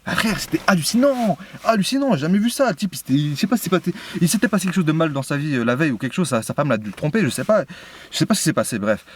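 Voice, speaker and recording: A young man rattles through a story at a quick clip. His talk is slangy and full of fillers, with an indignant edge as he goes. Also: on the high side, lively intonation, a little hiss or hum. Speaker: YouTuber. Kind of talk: casual story time.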